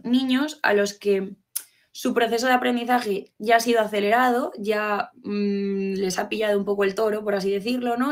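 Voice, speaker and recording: A woman giving an explanatory talk to fellow professionals, asking rhetorical questions and checking in often. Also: mid-range voice. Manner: teacherly, poses rhetorical questions, frequent "¿vale?" check-ins. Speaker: educator giving a talk on literacy.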